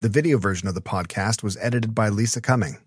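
A male podcast host with a fairly low voice, relaxed and halting as he signs off. The sound is dry and close. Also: slightly rough, dry recording. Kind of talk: casual podcast chat.

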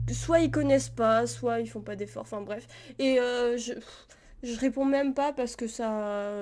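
A woman's voice: on the high side, a little mellow. A young woman live-streaming reaction commentary, talking casually and rambling, with many fillers and frequent laughs. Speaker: streamer reacting to parody videos.

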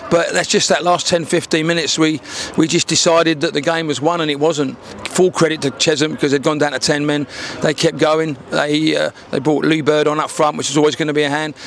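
This time the sixty-something manager's voice sounds fairly high, level and gravelly, brisk with hardly any pauses, and there's a little hiss or hum. Outdoors by a dark wall at the ground, he gives a frank post-match interview into a handheld mic, often repeating words when restarting.

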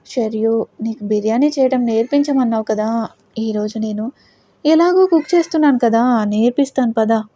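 A woman's voice: fairly high pitch, moderate pace, dark tone, no echo, lightly acted. A woman voicing a cold, domineering young husband in a storybook audio drama. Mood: scheming. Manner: cold, commanding.

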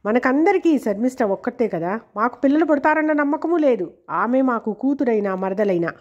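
A woman reading a soothing gentle husband. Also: a little high, animated, a little fast, lo-fi sound. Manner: soothing, wistful.

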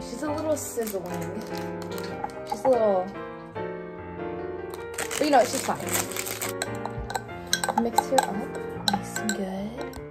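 A woman's voice: medium pitch, expressive, slow, pauses often. A young adult woman chatting casually and playfully for a vlog, with giggly asides and exclamations. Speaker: vlogger. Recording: music behind the voice. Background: music.

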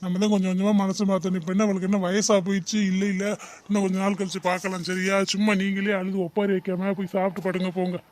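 A man voicing a calm middle-aged husband in an animated cartoon, matter-of-fact and reassuring. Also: high-pitched, quick pace, lightly acted.

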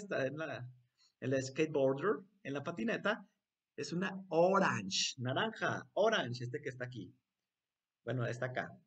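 Lively, playful bilingual children's teacher. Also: male voice, on the high side, breathy edge. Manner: bilingual, repeats words for children to echo. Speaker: English teacher. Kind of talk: online English lesson for young children.

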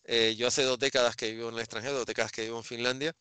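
A man's voice: medium pitch, flat delivery, very fast, bright, forceful tone, clean tone, no room sound. A middle-aged man from Spain interviewing a guest over a video call on a headset, talking thoughtfully with many restarts. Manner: thoughtful, trailing restarts and hesitations. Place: home room with bookshelves.

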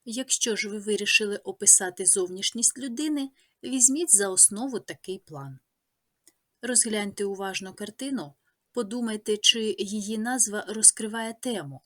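Teacher lady, ukrainian accent, husky voice, slow steady lesson reading, lists words one by one. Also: mid-range voice. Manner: measured, listing words one by one. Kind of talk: scripted lesson narration.

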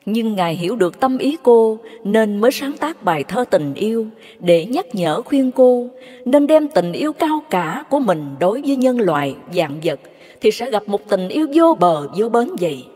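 A woman narrating devotional stories in a measured, reverent way. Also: mid-range voice, big pitch swings, mellow. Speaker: storyteller. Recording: long hall reverb.

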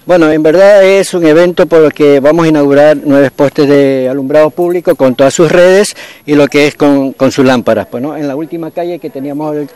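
A man with an Ecuadorian Spanish accent, a community leader giving an impromptu speech at a local event, halting and often tagging his sentences with a questioning "right?". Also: fairly high pitch, a little mellow, clean tone, dry recording. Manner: halting, repeats "pues, ¿no?".

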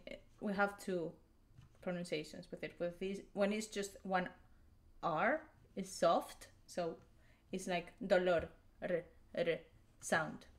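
A young woman from Spain with a Spanish accent, chatting casually as a reaction video host and explaining pronunciation with restarts and small laughs. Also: fairly low pitch. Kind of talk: casual commentary.

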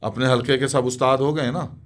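A man at an average male pitch, talking as the guest poet in a relaxed podcast chat. He is informal and opinionated. His voice climbs and gets louder as he drives a point home. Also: brisk. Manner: opinionated and emphatic, rising as he presses a point; informal, says "yaar" often. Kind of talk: casual conversation on a podcast.

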